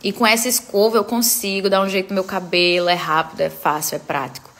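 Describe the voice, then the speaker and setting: A woman's voice: medium pitch, steady tone, fast talker, fairly bright tone. Playful woman vlogging. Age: 30s. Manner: playful, fussing over her pets. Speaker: digital influencer. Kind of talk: casual vlog chat.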